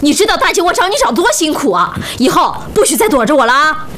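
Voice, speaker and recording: An actress playing a brash, bossy, protective older sworn sister in a costume drama, blunt and exclamatory. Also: female voice, sits high, big pitch swings, fast talker, a little hiss or hum. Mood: indignant. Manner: blunt, loud-mouthed, exclamatory. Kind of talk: Chinese costume television drama acting. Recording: music behind dialogue.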